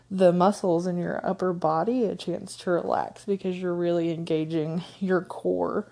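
A woman's voice: lowish voice, dark tone. A woman with a stuffed-up nose hosting a casual solo coaching podcast, talking conversationally with frequent ums and light laughs. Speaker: podcast host, confidence coach.

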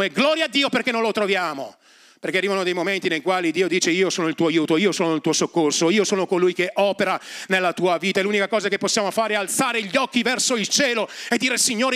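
A man preaching a sermon as pastor, moving from hushed, intimate lines to rising, emphatic refrains. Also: high voice. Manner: repetitive, building refrains. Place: church.

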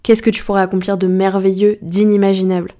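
A woman's voice: mid-range voice, flat delivery, fast talker, dark tone. A woman hosting a solo coaching podcast, chatting casually and directly to the listener and posing reflective questions.

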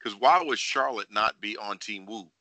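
A man's voice: lowish voice, moderate pace, bright, forceful tone, dry recording. A man hosting a casual sports podcast, speculating in a teasing, opinionated way. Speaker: wrestling podcast host.

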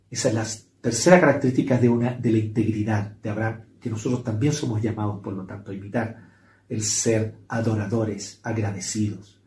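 A pastor in mid-sermon, a man whose voice sits on the higher side. He preaches with emphasis and repeats key phrases for weight. The sound carries an echo from the room around him. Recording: echoey room.

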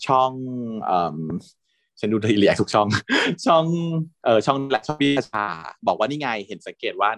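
A man chatting casually with a co-host, recapping a TV drama in an animated way, laughing often. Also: lowish voice, normal speed, dry recording, clean studio sound. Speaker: podcast co-host.

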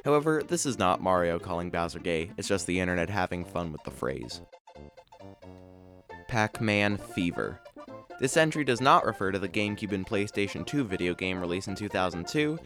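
A man's voice: low-pitched, sing-song, moderate pace, a bit bright, soft background music. A man hosting a podcast, reading scripted explainer narration about video game trivia in a dry, matter-of-fact way. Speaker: podcast host.

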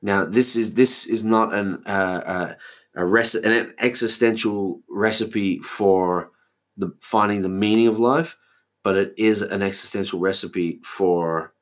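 A man's voice: low voice, fairly even intonation, measured pace. A man in his forties, hosting a solo podcast and musing aloud in a meandering way, often losing his thread. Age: 40s. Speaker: podcast host. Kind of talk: solo rambling monologue.

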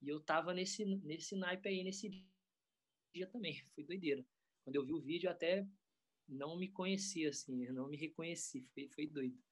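A man, a professional skateboarder talking in a relaxed, rambling way full of slang. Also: on the high side, moderate pace. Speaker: pro skateboarder guest. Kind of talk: casual interview chat.

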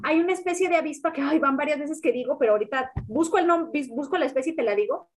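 A young adult woman with a Mexican accent, a guest explaining her field in a casual, animated way with plenty of slang and fillers. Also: high voice, fast. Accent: Mexican Spanish. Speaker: guest expert on biomimicry. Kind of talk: conversational explaining.

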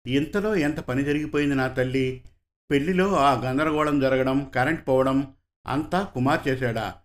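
A man's voice: a little high, natural voice. A man voicing a distraught middle-aged mother who pleads and scolds in anguish, in an audio serial story. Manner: pleading, then bitterly cursing.

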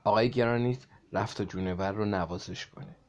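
A man reading a children's story aloud to a child in a lively way, stopping to explain words. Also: lowish voice.

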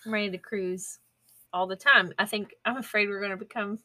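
A woman's voice: medium pitch, steady tone, brisk, pushed and bright. A woman co-hosting a podcast in casual chat, laughing often and adding short agreeing replies. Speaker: podcast co-host.

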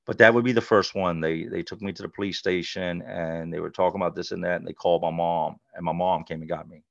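Deep, gravelly middle-aged man, candid. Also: fairly even intonation, fast talker, dry recording. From North Carolina, USA. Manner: blunt, conversational, frequent "like" and "you know". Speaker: podcast guest. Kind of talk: candid personal storytelling. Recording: dull, lo-fi dry sound.

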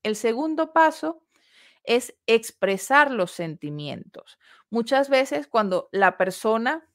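A woman instructor delivering a recorded lesson at a medium pitch. She explains each point in a measured, patient way, pausing between phrases and posing rhetorical questions to the listener. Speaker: course instructor. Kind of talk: recorded lecture on customer service.

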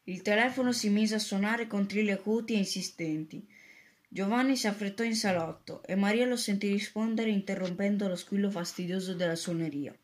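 A woman narrating a story aloud in a steady reading voice, with occasional slips and restarts. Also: medium pitch, fairly quick.

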